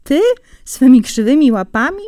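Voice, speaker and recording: A woman's voice: mid-range voice, expressive, moderate pace, darkish tone, no room sound, studio quality, close to an everyday voice. A woman reading a storybook, voicing a proud male hare with a mocking, haughty manner. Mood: scornful.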